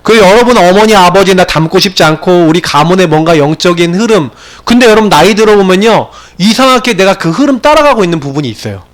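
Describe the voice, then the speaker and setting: A male pastor preaching a sermon to his congregation in a church, swinging between emphatic bursts and hushed asides. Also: high-pitched, quick pace. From Gyeongsang region of Korea. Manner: animated preaching with sudden loud peaks and quiet asides. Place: church sanctuary.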